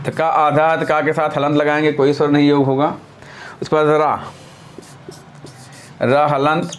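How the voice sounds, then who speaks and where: A man's voice: on the high side, level tone, moderate pace. A man with a slightly raised voice gives a lesson. He works through each point patiently, repeating key ideas. He thinks aloud and corrects himself mid-sentence. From India. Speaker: teacher. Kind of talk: classroom-style lesson.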